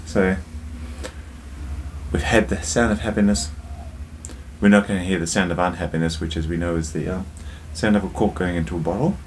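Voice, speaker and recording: A man's voice: sits low, fairly even intonation, a little fast, long pauses, a little hiss or hum. A man hosting a casual drinks review vlog, chatty and jokey, talking straight to his viewers and telling a joke along the way.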